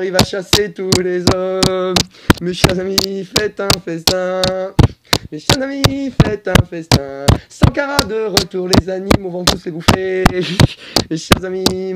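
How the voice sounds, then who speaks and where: A person joking among friends, speaking broken French in a put-on Slavic accent. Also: heavy background noise. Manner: lively, joking, pitch jumping around. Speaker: amateur radio joker. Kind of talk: playful banter among friends.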